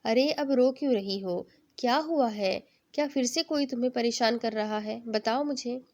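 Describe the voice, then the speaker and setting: A woman's voice: fairly high pitch, a little mellow, natural voice. A woman reading a teasing, caring older brother who speaks fondly to his sister.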